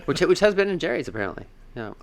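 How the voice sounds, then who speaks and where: A man's voice: on the high side, big pitch swings, quick pace, creaky, slight background noise. A man hosting a podcast in casual chat, rambling along with plenty of fillers. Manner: rambling, chatty, with frequent fillers. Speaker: podcast host.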